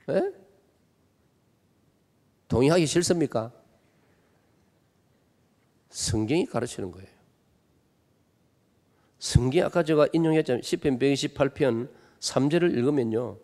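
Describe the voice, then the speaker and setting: 경상도 억양의 남성 목사, 긴 교회 잔향. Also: male voice, mid-range voice, lively intonation, measured pace, long pauses, a little mellow. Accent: Gyeongsang Korean. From Gimhae, South Korea. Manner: emphatic, rhetorical questions to the congregation. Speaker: guest pastor. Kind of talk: revival sermon. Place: church sanctuary. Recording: long church hall reverb.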